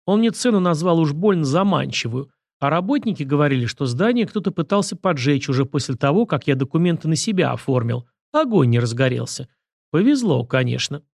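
A man voicing a gloomy, blunt tavern owner who speaks slowly and grumbles, in a dry audiobook reading. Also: a little high, expressive, creaky, darkish tone, dry recording. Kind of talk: audiobook character voice.

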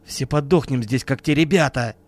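A man doing a gruff, rough-edged bodyguard. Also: moderate pace, darkish tone, close to an everyday voice. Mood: frantic. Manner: blunt, rough, low muttering. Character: gruff volatile male bodyguard.

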